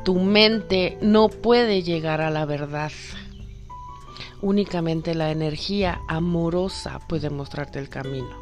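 A woman from Cuba giving a spiritual motivational talk, affectionate and coaxing, often dropping to a hush and calling the listener sweetheart. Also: sits low, slow, lo-fi sound, soft background music. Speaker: spiritual guide.

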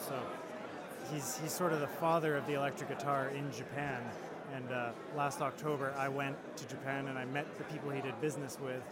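A man giving casual interview answers as a craftsman, explaining things in a slightly halting way. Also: mid-range voice. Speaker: guitar maker being interviewed. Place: busy guitar show. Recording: loud crowd behind voice.

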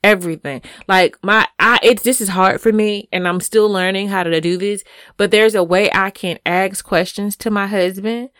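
A woman's voice: mid-range voice, fairly even intonation, moderate pace, a bit bright, no echo, studio quality. A woman in her thirties chatting casually as a podcast co-host, speaking frankly and with emphasis, often checking in with "right?". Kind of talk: casual chat.

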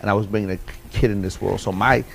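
Man, middle-aged, rough fry in his voice, rambling storyteller, repeats himself. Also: fairly low pitch, fairly even intonation, quick pace, fairly bright tone. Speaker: interview guest. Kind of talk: emotional personal storytelling.

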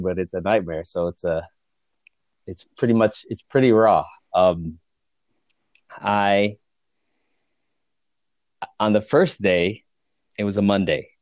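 A man casually recounting a story as a guest, with halting restarts and frequent chuckles. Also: fairly low pitch, no room sound. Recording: dull lo-fi dry recording.

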